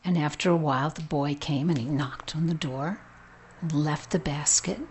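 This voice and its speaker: A woman telling a folk tale aloud in a gentle, slow way, with hushed whispered asides. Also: low-pitched, steady tone, slightly rough. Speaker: storyteller. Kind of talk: oral storytelling.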